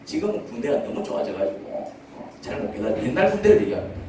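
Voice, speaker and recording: A man's voice: medium pitch, sing-song, fast talker, mellow, heavy reverb, distant mic, a little hiss or hum, low-quality recording. A male pastor preaching a sermon in a church, speaking conversationally and asking the congregation many questions. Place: church sanctuary.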